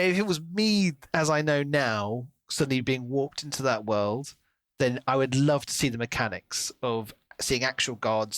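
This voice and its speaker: Books are the topic for this male podcast co-host, who talks informally and drifts into imagined quotes. His medium-pitched voice sounds fairly bright, and there is no room sound at all.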